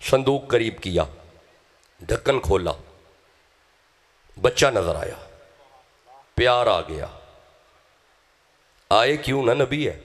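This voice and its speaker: Animated Punjabi-accented male preacher. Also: mid-range voice, pauses often. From Pakistan. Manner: dramatic, exhorts the audience to respond. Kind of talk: emotional religious sermon.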